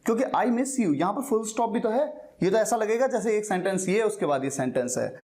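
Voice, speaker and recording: A man teaching an English lesson, explaining step by step and slowly repeating key words. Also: high-pitched, a little mellow.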